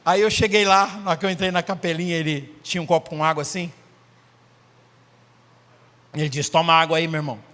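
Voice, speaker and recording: A man's voice: high-pitched, steady tone, a little fast, long pauses, fairly bright tone, in a large hall. A Brazilian man, a pastor, telling a story in a sermon and acting out the dialogue with animation. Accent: Brazilian Portuguese. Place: church.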